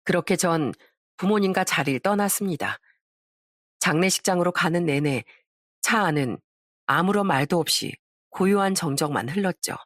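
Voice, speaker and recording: A woman narrating a dramatic radio story in an even storytelling delivery. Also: on the low side, no echo, clean studio sound.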